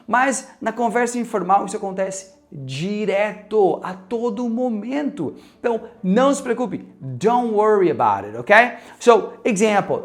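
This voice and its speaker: A man with a Brazilian Portuguese accent giving a casual English lesson, mixing in English phrases and checking in often with the viewer. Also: high-pitched. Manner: animated, mixes in English phrases, keeps checking in with "ok?". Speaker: English teacher.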